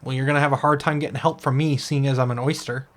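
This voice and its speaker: A man voicing a grumpy orc cursed into an oyster, gruff and indignant. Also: mid-range voice, fairly even intonation, quick pace, natural voice.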